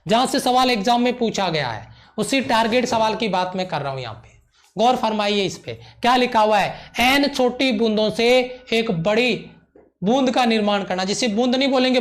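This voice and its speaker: A man teaching physics in a live online lecture, emphatic, repeating key points, often checking whether students follow and showering them with praise. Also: extremely high pitch.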